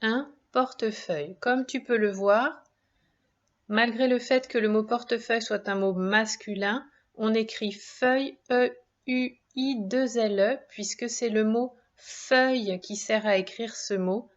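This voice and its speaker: Slow, careful woman teaching spelling. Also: a little high, fairly even intonation. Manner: encouraging. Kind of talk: spelling dictation lesson for young children. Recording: dull lo-fi sound.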